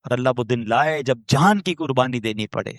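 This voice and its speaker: A man with a Pakistani Urdu accent preaching an emotional sermon, swinging between hushed low asides and high impassioned pleas, chanting phrases slowly. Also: lively intonation, no echo, studio quality.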